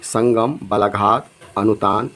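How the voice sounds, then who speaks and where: A man's voice: fairly low pitch, steady tone, slow pace, fairly bright tone, soft background music, rough recording. A man teaching an exam lesson, reading out each multiple-choice question and its options, then giving the correct answer.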